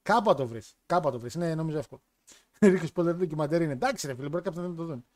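A man's voice: on the high side, a little mellow. A man hosting a casual wrestling chat show, joking crudely and putting on voices as he retells stories. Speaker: podcast host.

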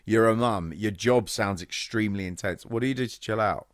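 A man's voice: on the low side, fairly quick, no room sound, studio quality. A man hosting a casual conversational interview, phrasing his questions informally and a little hesitantly. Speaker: interviewer, podcast host.

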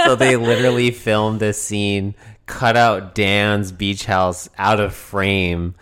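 A man's voice: on the low side, slow pace, smooth. A man co-hosting a podcast, swearing often and joking in casual chat. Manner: profane, joking, animated. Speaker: podcast co-host.

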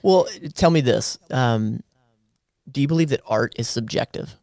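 A man's voice: mid-range voice, a little slow, vocal fry, darkish tone, no echo. A man hosting a podcast, asking thoughtful questions and encouraging his guest. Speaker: podcast host. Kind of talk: casual podcast interview.

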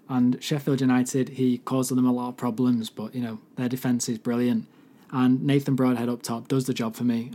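A hoarse man whose voice has mostly gone, talking solo as a football podcast host. His tone is mellow and dark, with little rise and fall in pitch. He gives his opinions earnestly, like a devoted fan.

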